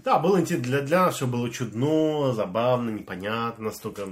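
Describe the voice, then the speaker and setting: A man's voice: mid-range voice, a little fast. A man co-hosting a podcast, chatting casually with many hesitations and restarts. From immigrant to Canada. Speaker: podcast co-host. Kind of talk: casual chat.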